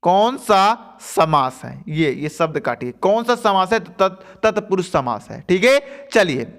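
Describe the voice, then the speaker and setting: A man's voice: sits high, big pitch swings, unhurried, a bit bright. A young man teaching an exam-prep lesson, explaining Hindi poems in a chatty way and checking in with his students. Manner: chatty, addresses students as bhaiya, repeats "theek hai" often.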